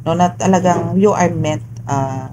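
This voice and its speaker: A woman's voice: lowish voice, measured pace. A woman giving a chatty, casual tarot reading to a viewer, mixing Tagalog and English and often checking in with tag questions. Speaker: tarot reader. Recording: steady background noise.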